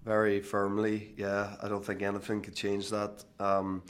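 A man's voice: fairly low pitch, monotone, measured pace. A man in his thirties with a Northern Irish accent, a guest speaking casually in an interview with many fillers and restarts. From Northern Ireland. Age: 30s. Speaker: actor guest.

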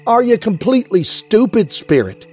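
A man voicing a defiant, teasing young witch girl in a raised, quick voice. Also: sits high, sing-song, a little mellow, husky, faint music behind, voice pushed up, full character voice. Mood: scornful.

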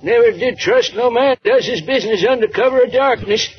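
High-voiced gruff old fisherman. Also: fairly quick, slight background noise. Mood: grudging. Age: older. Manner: gruff, curt, folksy old-fashioned phrasing. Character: gruff old fisherman, tight-lipped, suspicious, minds own business. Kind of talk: 1940s radio acting. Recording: muffled vintage radio recording.

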